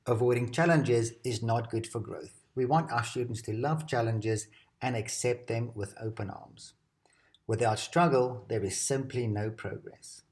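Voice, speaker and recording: A man reading a scripted educational narration at a measured, steady pace. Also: mid-range voice. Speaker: presenter.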